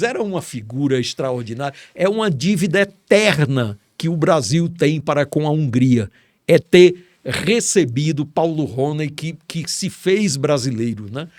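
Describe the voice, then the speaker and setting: A middle-aged writer from Ceará, Brazil, tells stories as a guest in a casual interview, full of enthusiasm and admiration. His voice is fairly high and a little mellow, recorded clean in a studio with no echo.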